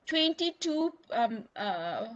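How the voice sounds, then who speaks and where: High-voiced Malaysian woman hosting. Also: big pitch swings, slow, lo-fi sound. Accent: Malaysian English. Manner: chatty, many fillers. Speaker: academic host of online session. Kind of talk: informal online discussion. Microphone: video call.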